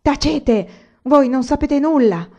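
A woman reading aloud and voicing a passionate young student who speaks with a raised, excited voice. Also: very high voice, slow, pitched above the performer's own voice, heavily acted. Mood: angry. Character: passionate young male student, hot-tempered.

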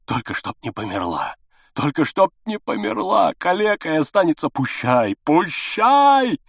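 A man's voice: mid-range voice, expressive, moderate pace, breathy edge, no echo, studio quality. A man voicing a desperate middle-aged peasant father who begs and cries out in a storybook reading. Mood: frantic begging. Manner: frantic pleading, cries out and whispers in turn.

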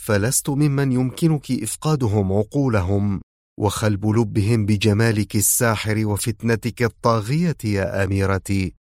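A man voicing a calm, smug male villain who mocks his captive quietly and without hurry. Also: fairly low pitch, no room sound, studio quality, close to an everyday voice. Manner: quiet, mocking and unhurried.

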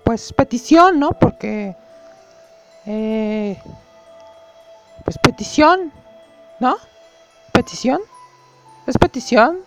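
A man's voice: lively intonation, fairly bright tone, faint music behind, exaggerated voice. A man voicing a flustered young female student who stammers out unsure guesses. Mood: confused. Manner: halting, stammering guesses in a squeaky high voice.

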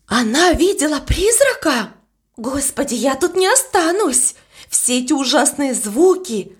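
A woman's voice: high voice, very animated, unhurried, pitched above the performer's own voice. A woman voicing a panicky, tearful young maid who talks in a frantic, pleading way, reading an audiobook. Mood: panicked.

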